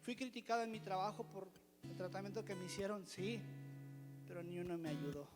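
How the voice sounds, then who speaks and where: With music in the background and a long reverb tail, a member of the church's pastoral team preaches a testimony sermon in the church hall. His voice is high and fairly even, fairly quick, emphatic, and he keeps coming back to a refrain and posing rhetorical questions.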